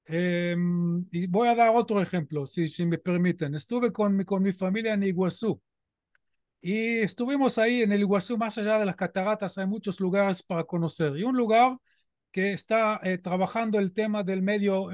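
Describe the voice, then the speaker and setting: A middle-aged man with an Israeli accent addresses a community audience. His voice sits notably high, and his delivery is earnest and emphatic, peppered with rhetorical questions. The recording is close and dry, with almost no room sound. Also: moderate pace, darkish tone, dry recording. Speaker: guest speaker. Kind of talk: informal talk to a community audience.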